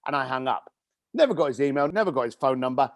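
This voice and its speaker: A man's voice: medium pitch, lively intonation, fast talker, dry recording. A man, a guest in an interview, telling stories with animation and acting out the voices in them. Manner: acts out the voices in his stories.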